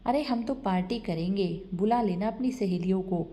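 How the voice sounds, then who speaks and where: A woman's voice: mid-range voice, moderate pace, dark tone, natural voice. A woman voicing a scheming middle-aged mother who scolds and sounds indignant, in a storybook reading. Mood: reassuring.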